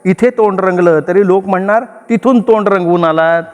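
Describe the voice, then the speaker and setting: A man's voice: high voice, moderate pace, smooth, lo-fi sound, voice pushed up, close to an everyday voice. A man voicing a suspicious middle-aged wife who nags and needles her husband. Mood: needling, accusing. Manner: sharp, needling, accusing. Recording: long reverb.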